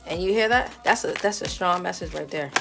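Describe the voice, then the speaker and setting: A woman doing a casual tarot reading who talks straight to the viewer in a chatty, animated way and laughs often. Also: on the low side, brisk, vocal fry, music in the background. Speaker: tarot reader.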